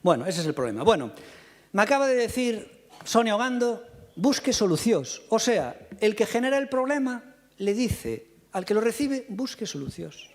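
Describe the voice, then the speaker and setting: Combative high-voiced man. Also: big pitch swings. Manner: combative, rapid rebuttals, addresses opponents directly. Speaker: mayor answering in a council session. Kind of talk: heated council debate reply. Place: city council chamber. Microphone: fixed podium microphone.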